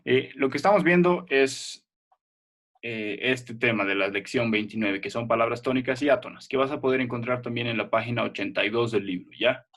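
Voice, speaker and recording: A male schoolteacher walks pupils through a grammar lesson over a video call. His voice sits at an ordinary middle pitch. He explains patiently, step by step, and keeps checking in with short questions. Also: a little fast, a bit bright. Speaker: primary school language teacher. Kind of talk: online class explanation.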